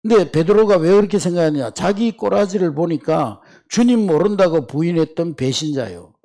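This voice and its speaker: Gravelly man preaching a sermon. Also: a little high, lively intonation, fairly quick, mellow. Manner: emphatic preaching, often calling out to the congregation. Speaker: pastor.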